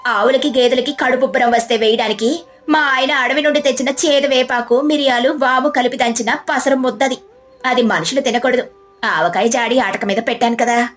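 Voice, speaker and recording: A woman's voice: sits high, normal speed, soft background music, lightly acted. A woman voicing a clever young housewife who reasons firmly. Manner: firm and reasoning.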